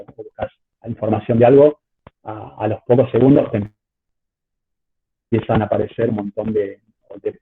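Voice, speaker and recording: A man's voice: fairly low pitch, slightly rough. A man with an Argentine accent giving an informal online lecture as a teacher, hesitant and repeating words as he explains, heard through choppy call audio. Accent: Argentine Spanish. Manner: hesitant, repetitive phrasing while explaining. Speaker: university statistics lecturer. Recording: choppy phone-like call audio, faint noise, clicks.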